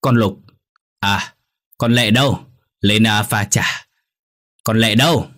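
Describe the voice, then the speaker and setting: A man's voice: on the low side, expressive, quick pace, slightly rough. A man doing a cranky old landlord. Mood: angry scolding. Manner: shouting, stammering in terror. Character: grumpy old male landlord, frightened.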